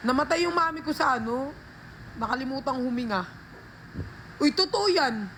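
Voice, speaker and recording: Woman rambling thru a story on her phone live, kinda high voice, hissy noisy background. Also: lively intonation, normal speed, a bit bright. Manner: rambling, keeps addressing viewers as guys and be. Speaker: livestreamer. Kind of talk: casual livestream storytelling.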